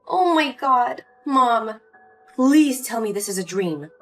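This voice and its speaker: A woman's voice: a little high, animated, slow. A woman voicing an emotional young daughter pleading with her mother in a story drama, with faint music behind. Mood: upset.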